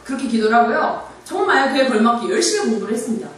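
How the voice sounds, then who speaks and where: A woman's voice: fairly high pitch, very fast, recorded from a distance. Young woman telling her story in an echoey hall. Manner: animated storytelling, acting out her own shouts and laughs. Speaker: speaker giving a faith testimony. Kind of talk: personal testimony talk.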